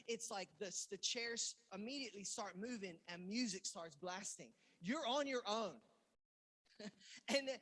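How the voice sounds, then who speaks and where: A male pastor from England preaching a sermon, telling a personal story and acting out the dialogue with sudden loud bursts. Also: sits high. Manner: animated storyteller who acts out quoted lines with loud outbursts. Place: church in Los Angeles.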